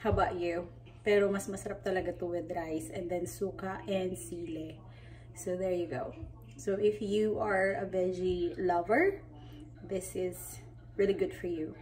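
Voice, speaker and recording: A woman's voice: medium pitch, darkish tone, recorded from a distance, low-quality recording. A woman with a Filipino accent, chatting playfully and giggling as she cooks in her home kitchen. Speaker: cooking vlogger. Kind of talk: casual cooking demonstration. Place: home kitchen at the stove, indoors.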